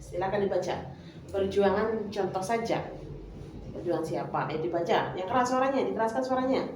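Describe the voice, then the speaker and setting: A woman's voice: medium pitch, animated, brisk, noisy background. A woman teacher leading a class, coaxing her pupils with questions. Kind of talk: classroom lesson. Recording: echoey room, mic far off.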